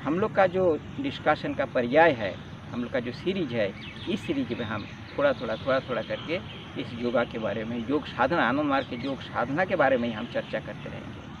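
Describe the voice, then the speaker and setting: A man's voice: mid-range voice, expressive, fairly quick, distant mic. A man teaching a spoken lesson on yoga in an earnest, explaining way, repeating key words. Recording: dull lo-fi sound with faint outdoor noise, off-mic.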